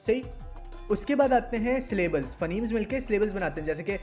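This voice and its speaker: A man's voice: high-pitched, lively intonation, fairly quick, darkish tone, soft background music. A young man teaching in a casual discussion, explaining step by step and often checking that listeners follow. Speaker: teacher explaining language acquisition.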